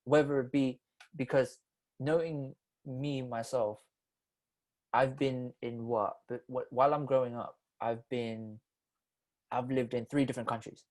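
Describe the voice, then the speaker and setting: A man's voice: mid-range voice, fairly even intonation, unhurried, a little mellow. A man in his twenties from the Philippines, a podcast host in casual chat, loose and slangy, turning earnest on serious topics. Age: 20s.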